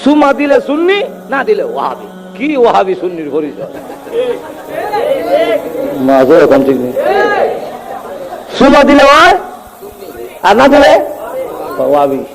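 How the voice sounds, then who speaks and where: A man preaching a Bengali waz sermon in a sing-song way, speaking with a tinge and urging the crowd to answer louder. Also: high-pitched. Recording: long hall reverb.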